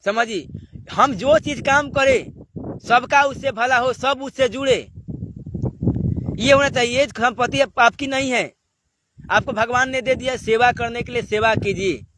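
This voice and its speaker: A man's voice: very high-pitched, unhurried, long pauses, noisy background. A man giving a devotional sermon, exhorting listeners and firing off rhetorical questions. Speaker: spiritual preacher.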